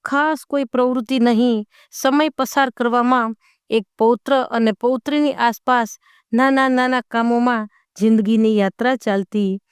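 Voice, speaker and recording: A woman narrating a moral story in a gentle, heartfelt way. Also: fairly high pitch, fairly even intonation, measured pace, clear, resonant tone, dry recording, studio quality.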